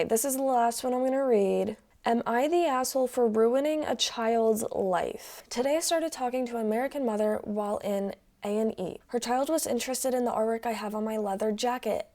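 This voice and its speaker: A woman hosts her own channel, reading online posts aloud and chiming in with blunt, casual reactions. Her voice has a gravelly fry to it and a mellow, darker tone, and she swears freely as she comments. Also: fairly high pitch.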